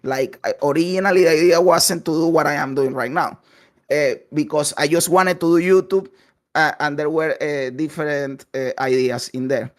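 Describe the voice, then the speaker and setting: A man from Venezuela, speaking English with a Venezuelan Spanish accent, telling his story candidly and at length as a podcast guest. His voice sits a touch high for a man, and he drops "eh" between his thoughts as he goes. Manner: candid, long-winded, frequent "eh" fillers. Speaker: podcast guest, content creator. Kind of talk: casual interview storytelling. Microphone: voice call over Discord.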